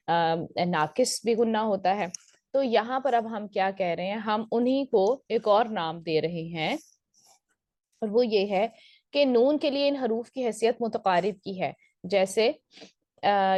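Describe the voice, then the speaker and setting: A woman's voice: mid-range voice, darkish tone, no room sound. A woman teaching Quran recitation rules in a recorded lesson, explaining step by step and putting questions to her students before answering them.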